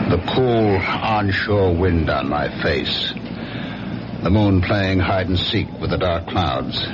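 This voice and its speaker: A man with a very deep voice narrates in the first person as a brooding, jealous husband, a weary businessman recalling his past, in radio drama acting. His delivery is measured, dramatic and ruminative. The dull vintage radio recording carries background noise and dramatic music behind him.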